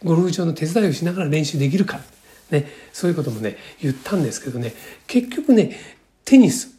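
A man's voice: a little high, lively intonation, fast talker, dark tone. A man in his sixties talking alone as a podcast host, chatty and rambling, with a filler in nearly every phrase. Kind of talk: casual solo monologue.

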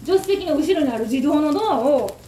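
A woman's voice: sits high, brisk. A woman with a Kansai accent, a takoyaki shop owner, telling a story in casual, exasperated chat. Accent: Kansai Japanese. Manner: animated, exasperated ranting. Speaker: takoyaki shop owner hosting a radio talk. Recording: roomy echo. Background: faint sizzle of takoyaki frying.

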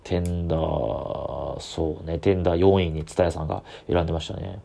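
A man's voice: low-pitched, fairly even intonation, normal speed, vocal fry, mellow. A man with a Kansai accent, chatting on his own as a comedian podcaster, rambling with easy enthusiasm. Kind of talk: solo casual chat.

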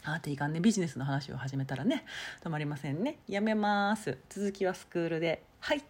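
A woman hosting a solo talk show, chatting casually and deliberately dropping in Nagoya dialect and thinking pauses. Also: deep voice, lively intonation, darkish tone, husky. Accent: Nagoya dialect touches. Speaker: podcast host.

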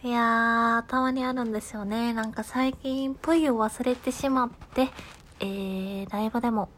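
A woman with a Kansai accent hosting a solo talk show, reading listener letters in a calm manner and laughing at herself. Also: a little high, normal speed, a little hiss or hum.

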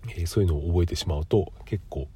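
A man's voice: low voice, fast, mellow, breathy edge. A middle-aged man with a nasal, congested voice from a cold, hosting a casual solo podcast in a polite, explanatory way. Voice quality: nasal, stuffy voice. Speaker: podcast host. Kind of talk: casual solo monologue with frequent filler pauses.

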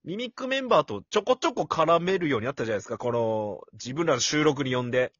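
西日本なまりのよく笑う男性. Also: male voice, on the high side, lively intonation, fast talker, a bit bright, dry recording. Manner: playful teasing, bursts of laughter. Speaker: podcast co-host. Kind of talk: casual joking chat. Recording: dry, slightly dull home recording.

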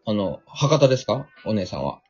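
A man hosting a casual radio talk show, joking and teasing his co-hosts in a playful, animated way. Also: lowish voice, normal speed. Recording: dull lo-fi with faint music.

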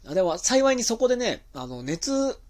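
A man's voice: very high voice, sing-song, normal speed, a little mellow. A man hosting his own talk show as a pro wrestler, rambling casually on his own with a slightly stuffy, nasal voice from being ill. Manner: chatty, rambling, with many fillers. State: stuffy nose, a bit nasal while recovering from illness. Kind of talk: casual solo monologue.

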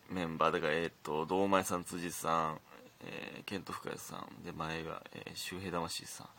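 A man's voice: low-pitched, slight background noise. A young man with a Kansai accent, a comedian hosting his own talk show and telling stories in a rambling, chatty way. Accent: Kansai Japanese. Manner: chatty, rambling storytelling with frequent restarts. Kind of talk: casual monologue.

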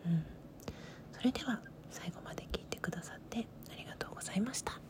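A woman host whispering gently and reflectively at home at midnight, speaking slowly and softly. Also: medium pitch, lively intonation. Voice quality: soft whisper. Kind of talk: whispered late-night talk.

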